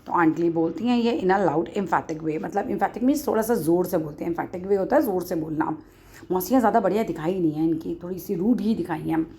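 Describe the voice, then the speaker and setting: A woman teaching an English text online, reading English lines slowly and explaining them in Hindi while asking the class questions. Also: fairly low pitch, warm tone.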